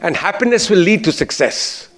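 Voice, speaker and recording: A man's voice: sits high, expressive, normal speed, soft background music. A man with an educated, posh Indian English accent gives a formal speech as a school chairman, earnest and emphatic in his phrasing.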